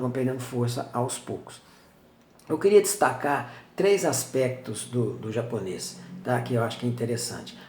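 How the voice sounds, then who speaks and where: An older man with a Brazilian Portuguese accent gives a chatty, informal lesson, often checking in with his listeners. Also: medium pitch. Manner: chatty, checks in with frequent tag questions. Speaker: language presenter. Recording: roomy echo.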